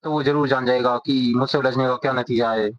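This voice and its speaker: A man's voice: medium pitch, fairly even intonation, brisk, natural voice. A man voicing a cocky teenage boxer who bullies others and brags about it. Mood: boastful. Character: cocky teenage boy boxer, show-off bully. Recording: dull, dry lo-fi recording.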